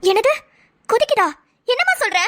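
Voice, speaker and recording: A woman's voice: extremely high pitch, big pitch swings, moderate pace, bright, forceful tone, pitched above the performer's own voice, exaggerated voice. A snappy, quarrelsome young mother, voiced by a woman. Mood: argumentative. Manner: snappy, argumentative. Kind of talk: cartoon voice acting.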